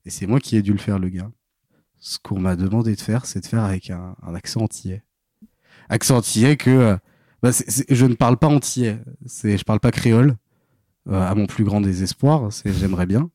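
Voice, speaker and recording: A man's voice: on the low side, brisk, dark tone, no echo, clean studio sound. A man in his twenties, a podcast guest, telling stories casually with lots of hesitations and restarts. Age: 20s. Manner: hesitant, full of fillers and restarts. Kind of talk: casual interview storytelling.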